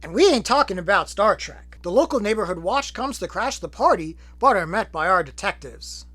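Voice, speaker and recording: A man's voice: sits high, big pitch swings, fairly quick, fairly bright tone. A man hosting a film retrospective, talking with sarcastic, profane jokes between clips. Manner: sarcastic, profane, joking asides. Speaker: film review host.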